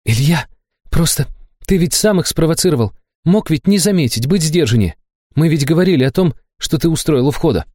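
A man's voice: a little high, lively intonation, a little fast, darkish tone, no echo, clean studio sound, pitched above the performer's own voice. A man doing a scolding young student girl. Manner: scolding, worried, raised voice. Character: young female student, angry yet caring. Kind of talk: audiobook character voice.

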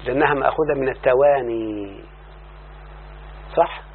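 A man with an Egyptian accent teaching Arabic morphology, often asking his student if he follows and stretching out word forms as he says them. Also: medium pitch. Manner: repeats word forms slowly and drawn out. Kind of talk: explaining a classical text to a student. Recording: tinny phone-like line with faint hum.

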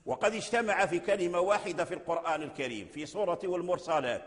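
A man gives a Quran recitation lesson in a somewhat high voice. He draws out verses and lines of poetry slowly and repeats phrases as he explains. A long hall reverb trails behind every word. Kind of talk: religious lecture.

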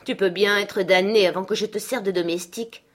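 A woman reader voicing a rough, surly young farm lad, gruff and insulting. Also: mid-range voice, fairly even intonation, brisk, natural voice.

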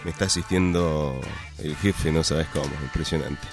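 A man's voice: a bass voice, moderate pace, music in the background. A man with an Argentine Rioplatense accent hosting a radio show, chatting casually and joking with his producer. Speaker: radio host. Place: radio studio.

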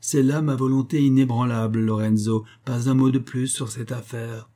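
A man's voice: mid-range voice, steady tone, moderate pace, warm tone, pitched above the performer's own voice, lightly acted. Man doing a stern old patrician. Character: old male patrician father, stern and unbending.

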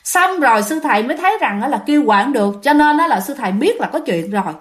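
A woman's voice: high-pitched, animated, fast. A woman with a Southern Vietnamese accent, casually retelling a ghost story and chatting directly to her listeners.

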